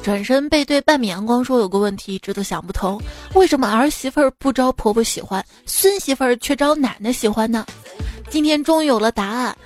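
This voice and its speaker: Woman radio host, fairly high voice, chatty, laughs at her own jokes, soft music underneath. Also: brisk. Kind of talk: reading listener-submitted jokes. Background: faint background music.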